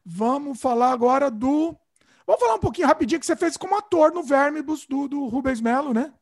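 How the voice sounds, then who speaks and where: An interviewer in casual chat, giving short reactions and quick prompts. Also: high voice, animated.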